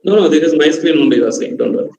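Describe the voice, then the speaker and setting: A man's voice: a little high, lively intonation, racing, a little mellow. A man with an Indian English accent giving a live online lesson on a video call. He lists numbered tips and keeps coming back to "okay". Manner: repeats "okay", gives numbered step-by-step tips. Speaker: online workshop trainer. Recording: dull, roomy video-call audio with faint hiss.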